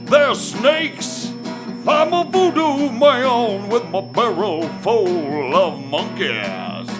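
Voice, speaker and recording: A man's voice: high-pitched, big pitch swings, heavily acted. A man playing an eccentric voodoo man who half-sings a strange chant. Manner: slow half-sung chant. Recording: mixed over loud guitar.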